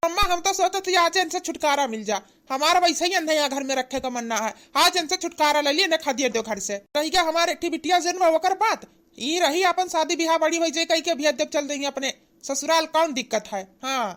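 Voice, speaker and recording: Voiced by a woman for a cartoon comedy, this character is an angry village husband and devoted son with an Awadhi accent. His high, brisk, fairly bright voice carries a resentful mood as he hectors callously, scolding over and over.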